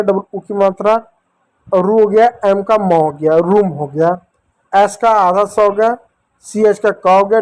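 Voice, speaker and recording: A man teaching children a phonics lesson, going slowly through each letter sound. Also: sits high, darkish tone. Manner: slow, repetitive, drills each letter sound step by step.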